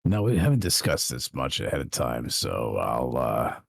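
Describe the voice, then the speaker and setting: A man with an extremely deep, gravelly voice in a casual tabletop game chat. He speaks slowly, with a husky grain and big swings in pitch. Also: big pitch swings. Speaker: player in an online tabletop roleplaying group.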